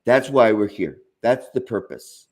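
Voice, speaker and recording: A man's voice: mid-range voice, animated, unhurried, darkish tone, a little hiss or hum. A man co-hosting a live fan show, talking in an effusive, emphatic way and repeating his phrases. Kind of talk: casual live-stream chat.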